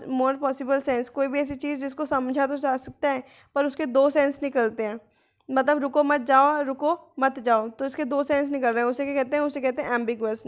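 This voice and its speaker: A woman teacher giving an online vocabulary lesson, mixing Hindi and English, posing questions and answering them herself, and reading English definitions slowly. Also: high voice, lo-fi sound. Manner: explains in Hindi mixed with English, asks and answers own questions. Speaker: exam-prep teacher.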